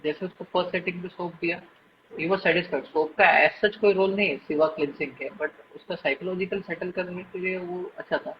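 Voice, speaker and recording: Higher young man giving interview answers. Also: fairly even intonation. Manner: explains steadily, mixing English phrases, pausing on fillers. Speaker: guest doctor. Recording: muffled lo-fi with faint noise.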